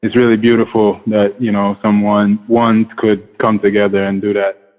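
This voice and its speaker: A man's voice: lowish voice, flat delivery, normal speed, narrow, tinny audio. A man interviewing in a conversational, hesitant and informal way, using Rasta speech. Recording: band-limited radio-like sound with long reverb.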